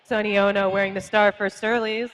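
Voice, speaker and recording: A mid-pitched commentator calls a live roller derby bout, running through scores and jammers in a chatty, casual way. Faint noise hangs in the background. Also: little pitch movement, a little fast, fairly bright tone, poor audio. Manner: chatty, filler-heavy, laughs easily.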